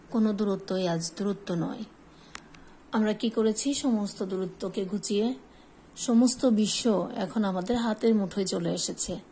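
A woman teacher speaks in a patient classroom manner, posing questions and then answering them herself. Her voice is mellow and warm, at a middle pitch. There is faint background noise. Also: poor audio. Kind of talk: recorded Bengali grammar lesson.

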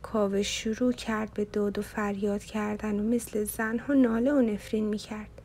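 A woman narrating an audiobook in steady storytelling. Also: medium pitch.

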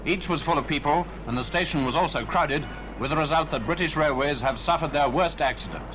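A man narrating an old newsreel in a grave, formal, measured manner. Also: fairly high pitch, background noise. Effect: old newsreel voice-over. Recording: voice-over with music underneath.

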